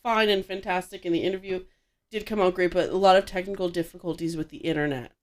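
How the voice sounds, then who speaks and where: A woman's voice: on the low side, steady tone, fast. A woman hosting a podcast, chatting casually in a sick voice and often restarting her sentences. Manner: chatty, with frequent restarts and self-corrections. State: sick, congested voice. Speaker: podcast host.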